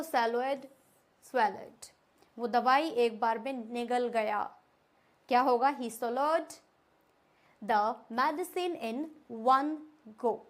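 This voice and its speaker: A woman teaching English verbs, repeating each form slowly and asking the viewer questions. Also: sits high. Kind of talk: spoken English lesson.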